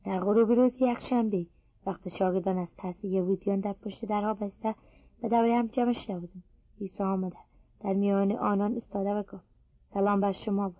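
A woman reading scripture aloud in a steady, measured voice. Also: mid-range voice, dry recording, highs cut off. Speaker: scripture reader.

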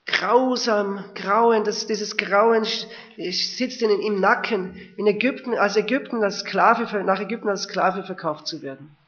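On a dull, lo-fi recording, a male preacher with a high-pitched, slightly bright voice reads scripture at a somewhat slow pace. Between verses he adds commentary, occasionally starting his sentences over.

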